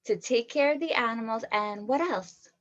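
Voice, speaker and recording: A woman's voice: on the high side, moderate pace, muffled recording. A woman teacher giving an online read-aloud lesson to young children, asking them questions and praising their answers.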